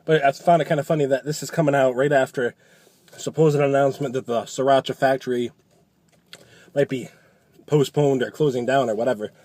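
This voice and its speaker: A man's voice: medium pitch, fairly even intonation, brisk, darkish tone, no echo. A man giving a casual, chatty food review, talking loosely and often rephrasing as he goes.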